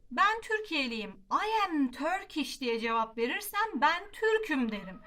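A woman teaching a classroom lesson, explaining patiently and slowing down to model example phrases, often asking rhetorical questions. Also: high voice, pushed and bright. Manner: slow emphatic modeling of English example phrases. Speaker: English teacher.

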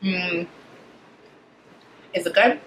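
A woman's voice: on the low side, slight background noise. Woman talking with her mouth partly full. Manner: relaxed, chatty, pauses to taste. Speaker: vlogger. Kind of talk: casual taste-test vlog. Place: home, indoors. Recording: echoey room.

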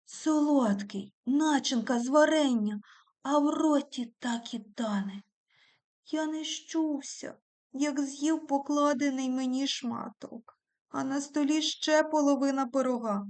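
A woman narrating a children's story with an expressive storytelling manner. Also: sits high, unhurried. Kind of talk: storybook reading.

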